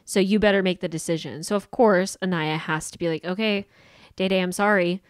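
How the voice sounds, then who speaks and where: A podcast co-host with a fairly low, smooth voice chats briskly and opinionatedly, blunt and sweary, often imitating what people said. Her intonation is fairly even. She's close on a boom-arm mic in a small indoor studio, with no echo.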